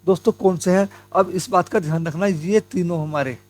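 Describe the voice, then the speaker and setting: A young man with a fairly high voice runs an exam-prep grammar lesson, talking to his viewers as friends. He goes step by step, asks his own questions and answers them. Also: moderate pace, darkish tone. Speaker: Hindi grammar teacher.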